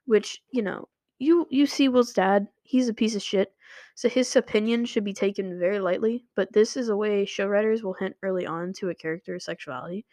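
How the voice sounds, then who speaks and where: A woman's voice: medium pitch, a little fast, dark tone, no room sound. A young woman chatting casually to her viewers, rambling with lots of filler words. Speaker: vlogger. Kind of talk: casual commentary. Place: home room with running water nearby.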